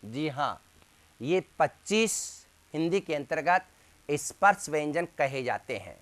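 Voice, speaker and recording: A man teaching a Hindi grammar class in a slightly raised voice. He speaks slowly and deliberately, sounding out each letter and often asking the class a question before answering it himself. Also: fairly high pitch, animated, fairly bright tone. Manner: drills sounds slowly, asks and answers his own questions. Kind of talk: classroom lesson.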